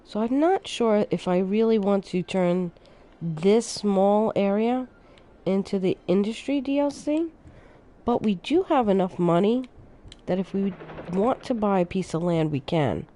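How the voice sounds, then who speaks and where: Female game streamer, drowsy and easygoing, dark mellow tone, unhurried delivery. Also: mid-range voice. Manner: relaxed, thinking aloud, unhurried. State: sleepy, yawning. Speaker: streamer playing a city-building game. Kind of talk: casual gameplay commentary.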